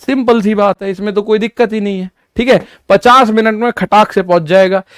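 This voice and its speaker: A man's voice: high-pitched, steady tone, brisk, clean tone, dry recording, studio quality. A male maths teacher giving an exam-prep lesson, explaining step by step, repeating key points and talking directly to his students.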